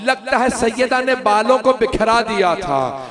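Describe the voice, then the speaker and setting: A male preacher giving a mourning sermon, rising into a loud wailing lament as he tells the story. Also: very high-pitched, big pitch swings, measured pace. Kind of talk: majlis sermon recounting tragedy. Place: large hall with gathered listeners. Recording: noisy crowd of mourners.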